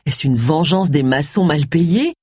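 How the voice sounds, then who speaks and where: Reader doing a snooty young guy detective, bossy, lively pitch, breathy. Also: a little slow, no room sound, clean studio sound. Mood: wry. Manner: haughty, commanding. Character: Jake, haughty young man detective.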